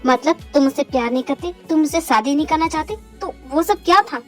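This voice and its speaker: A concerned young business partner , as a woman voices him in a fan audio drama. He questions and reasons in a high voice. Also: brisk, soft background music, natural voice.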